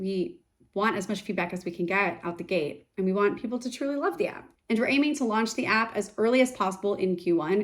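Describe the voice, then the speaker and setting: A woman in her thirties, a startup founder, talking openly and reflectively in a casual to-camera vlog. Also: mid-range voice. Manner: open, reflective, chatty. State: sick, congested voice.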